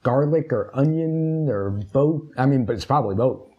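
A man's voice: mid-range voice, animated, moderate pace, dull audio. A middle-aged man in casual food-review chat, jokey and opinionated as a co-host. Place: small indoor room at a table. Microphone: lapel mic.

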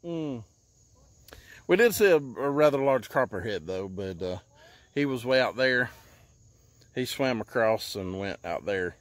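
A man, chatting casually while fishing from an outdoor lake dock, recorded on a handheld phone and often talking low and hushed. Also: lively intonation, measured pace, pauses often, no echo. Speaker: fishing vlogger. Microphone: handheld phone camera.

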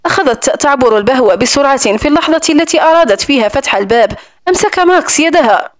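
A woman narrating a romance novel audiobook in a steady, even storytelling manner. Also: sits high, fast talker. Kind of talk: scripted narration.

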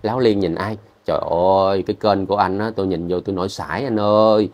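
A man's voice: sits low, fairly even intonation, quick pace, darkish tone, dull audio. A man, speaking as a vlogger in a heated rebuttal, defensive and confrontational, repeating his points.

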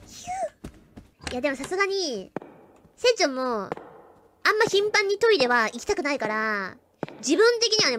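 A woman's voice: high-pitched, noisy background. A woman streaming a horror game, chatting nervously and joking about herself as she plays. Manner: jittery, chatty, self-mocking. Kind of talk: live game commentary.

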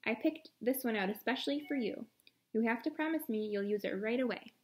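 A woman's voice: on the high side, brisk, close to an everyday voice. A woman voicing a bold, helpful young girl in a children's storybook, in a plain reading voice. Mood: bright.

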